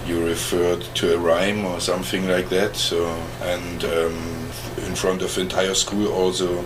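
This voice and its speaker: A man in his forties with a German accent, German his first language, answering questions in an oral history interview, halting as he searches for English words and chuckling often. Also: low-pitched, little pitch movement, background noise. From East Germany. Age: 40s.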